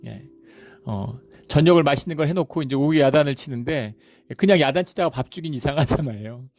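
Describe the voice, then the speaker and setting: A man's voice: on the high side, expressive, fairly quick, a little mellow. A middle-aged male pastor preaching a sermon in a conversational way, often adding little fillers and acting out everyday voices.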